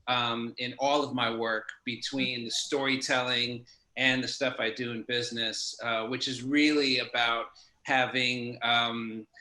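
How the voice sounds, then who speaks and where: A thoughtful man talks as an interview guest in a bright, forceful voice. His words come over a video call from a room with a noticeable echo. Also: mid-range voice. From New York. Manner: thoughtful, many fillers and restarts. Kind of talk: casual interview talk. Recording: echoey room.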